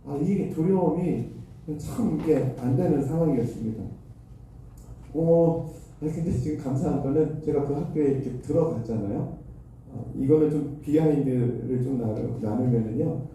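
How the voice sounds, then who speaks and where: A man's voice: mid-range voice, moderate pace, warm tone, a little hiss or hum. A man who is a pastor, telling a self-deprecating story in his sermon. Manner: self-deprecating anecdotal storytelling with acted quotes. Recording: echoey hall, mic far off.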